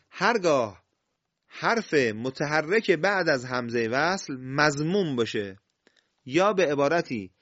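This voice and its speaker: A man's voice: mid-range voice, fairly bright tone, dry recording. A man teaching a spoken lesson on Quran recitation. He explains step by step, quizzes the listener and draws out the example words. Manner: explains step by step, quizzes the listener with questions, praises with "well done". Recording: dull, dry, lo-fi sound.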